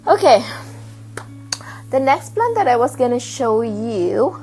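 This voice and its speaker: Woman, plant vlog, unhurried delivery, higher voice, soft music behind. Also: sing-song, low-quality recording. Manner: chatty, pauses to hunt for words. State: slightly out of breath. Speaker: plant vlogger. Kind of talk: casual show-and-tell vlog. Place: home with plant shelf, indoors.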